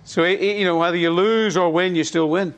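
Speaking briskly and in a steady tone, this middle-aged pastor with an Irish accent preaches to his congregation. His voice is a little high for a man. He repeats short, emphatic lines so the people can echo them in call-and-response.

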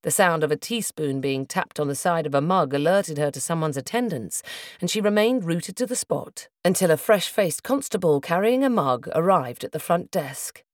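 Low-voiced woman reading a novel. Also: lively intonation, moderate pace, no room sound, studio quality. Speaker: audiobook narrator. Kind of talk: scripted narration.

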